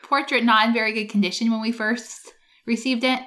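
A woman's voice: a little high, fairly even intonation, fairly quick, pushed and bright. Woman co-interviewer talking in an attic. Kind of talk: conversational interviewing. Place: in an attic room of an old house.

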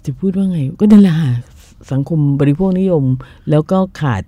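An older woman in a casual podcast discussion, emphatic and animated, with mocking asides. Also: fairly low pitch, normal speed, dry recording. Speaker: podcast co-host.

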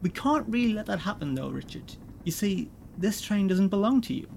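A man's voice: high-pitched, sing-song, moderate pace, vocal fry, a little mellow, slight background noise, pitched above the performer's own voice, exaggerated voice. A man voicing a smug, slick corporate executive who talks in a breezy, condescending, amused way.

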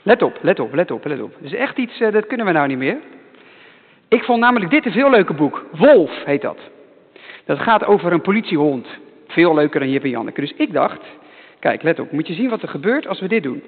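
A male pastor giving a lively children's sermon, repeating himself to keep the children's attention. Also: a little high, brisk, long reverb tail, narrow, tinny audio. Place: church.

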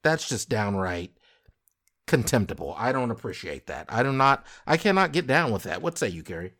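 A man's voice: mid-range voice, very animated, moderate pace, fairly bright tone. A man hosting a casual podcast, joking and rambling with mock indignation. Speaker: podcast host.

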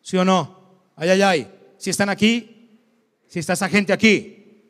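A pastor preaching in a conversational, back-and-forth way. He tosses questions at his congregation. His voice sits high for a man, and it rings out with a long church-hall echo. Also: measured pace, a bit bright. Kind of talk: sermon.

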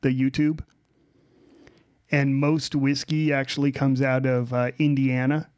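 A man's voice: mid-range voice, little pitch movement, measured pace, darkish tone, clear, resonant tone. A man hosting a podcast in casual chat, explaining things in a wry way. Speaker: podcast host.

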